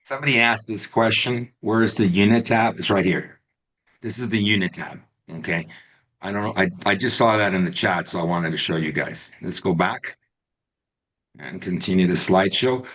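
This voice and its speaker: Low-pitched but fairly bright in tone, a man speaks at normal speed while coaching real estate agents in a live online session. He talks directly to them, frequently adding "right?" and "okay?"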